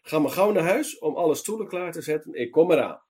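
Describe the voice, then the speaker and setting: A man's voice: on the high side, lively intonation, fairly quick, a little mellow, husky, pitched above the performer's own voice. A man voicing a kind, teasing teacher figure in a storybook reading, with a playful way of calling out. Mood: gentle.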